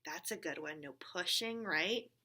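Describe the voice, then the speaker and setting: Her voice is lowish yet pushed and bright, with a breathy edge and a measured pace. She's a woman leading a church story session for young children, talking to a puppet friend in an encouraging, simple way and frequently checking in with questions.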